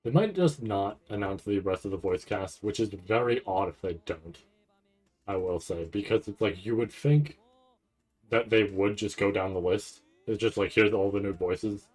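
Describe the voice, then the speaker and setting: Poor audio carries a fairly low, darkish male voice speaking at a moderate pace. He's reacting to an anime event on a casual livestream, rambling and thinking aloud in loose, sometimes profane terms.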